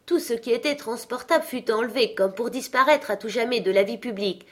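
A woman narrating an audiobook of a classic tale in a steady, expressive manner. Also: fairly high pitch, a little fast.

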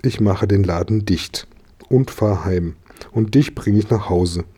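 Man reading as middle-aged storybook kiosk owner: gruff, kindly, low husky voice. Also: unhurried, dark tone.

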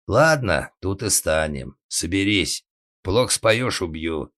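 A man voicing a gruff, crude old organ-grinder father with a wooden leg who grumbles bluntly. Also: low-pitched, lively intonation, slow, fairly bright tone, full character voice. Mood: grumbling.

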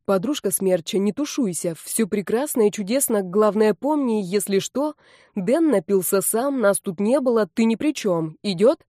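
Give me a woman voicing a smooth young male musician, coaxing and breezy, for a storybook. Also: medium pitch, animated, normal speed, warm tone, no room sound, clean studio sound, lightly acted.

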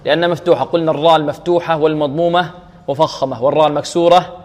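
Sheikh teaching recitation, slow and drilled. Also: male voice, a little high, fairly even intonation, darkish tone. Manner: drills pronunciation, asks and answers his own questions, chants verses slowly. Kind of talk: tajweed lesson with recited examples. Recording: radio broadcast with long reverb.

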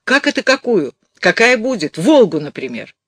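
A man voicing an excitable, indignant elderly mother in an audiobook, with a scolding, emphatic manner. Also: high-pitched, moderate pace, breathy edge, no echo, voice pushed up, exaggerated voice. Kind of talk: audiobook character voice.

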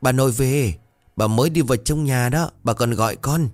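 A man's voice: mid-range voice, moderate pace, a little mellow, dry recording, faint music behind, voice pushed up, lightly acted. A man voicing an insistent little boy of about five in a ghost story. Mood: eager. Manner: eager, insistent.

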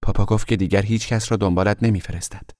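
A man's voice: fairly low pitch, steady tone, darkish tone, no room sound, studio quality, pitched above the performer's own voice, lightly acted. A man voicing a curious younger boy who keeps pressing his brother with eager questions. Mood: prying.

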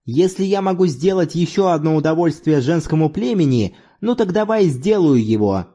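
Guy voicing a loud playful fella, sing-song church chanting, pitched up, warm. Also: lively intonation, normal speed. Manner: loud, theatrical, mock-chanting like church singing. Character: exuberant boisterous middle-aged man, hearty and playful. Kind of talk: audiobook character voice.

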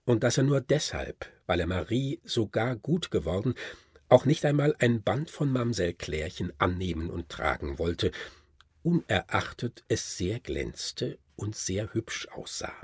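A man reading an audiobook in expressive, lively storytelling narration. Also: lowish voice, unhurried, slightly rough, no room sound, studio quality. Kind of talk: scripted narration.

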